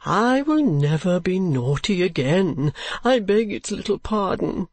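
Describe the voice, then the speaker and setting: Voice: mid-range voice, big pitch swings, a little slow, no echo, voice pushed up. A narrator voicing a foppish, cowardly, melodramatic husband who cajoles with affected baby-talk endearments in an audiobook. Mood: pleading, simpering. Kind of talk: audiobook character acting.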